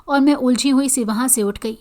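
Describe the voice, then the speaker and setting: A woman narrating a first-person horror story in a steady, even storybook reading. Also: sits high.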